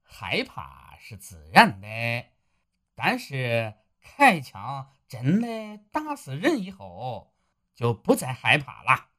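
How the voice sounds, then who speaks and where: A woman's voice: a bass voice, wildly swooping pitch, slow pace, fairly bright tone, heavily acted. A woman doing a stern police chief. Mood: reassuring. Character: stern middle-aged male police chief.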